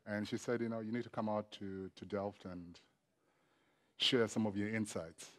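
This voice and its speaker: A man opening his talk to an audience. His low voice is relaxed and conversational, easing into his story. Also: normal speed. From Kenya. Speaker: guest speaker. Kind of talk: lecture opening.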